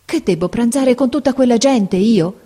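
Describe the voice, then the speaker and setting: A woman's voice: on the high side, normal speed, dark tone, pitched above the performer's own voice, close to an everyday voice. Timid young girl Barberina, voiced by a woman. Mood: anxious. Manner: hesitant, anxious questioning. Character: timid, bewildered young girl, newly arrived.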